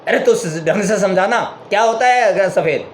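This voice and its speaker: A man voicing a stubborn blind man who keeps shouting questions in a spoken parable. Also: sits high, moderate pace, a little hiss or hum, pitched above the performer's own voice, lightly acted. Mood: insistent. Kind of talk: storytelling parable.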